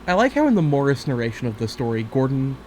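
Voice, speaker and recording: A man's voice: medium pitch, very animated, quick pace, a little mellow, slight background noise. Rambling casual man on a podcast. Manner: rambling, many fillers and restarts, swears. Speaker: podcast co-host. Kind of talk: casual chat.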